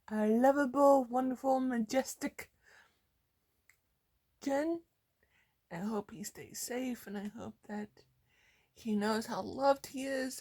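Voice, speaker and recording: A woman vlogging a casual toast, hyper and giggly at times, soft and heartfelt at others. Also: a little high. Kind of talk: casual fan vlog toast.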